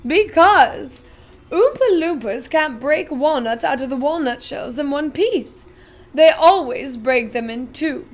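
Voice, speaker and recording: Reading aloud, a woman voices an eccentric, excitable man who owns a chocolate factory. Her high-pitched delivery is loud, brisk and commanding.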